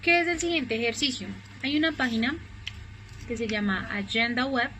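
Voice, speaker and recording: A woman's voice: fairly high pitch, animated, pushed and bright, slight background noise, low-quality recording. Patient Spanish-speaking woman teaching English. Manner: patient, repeats examples slowly. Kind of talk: recorded online class explanation.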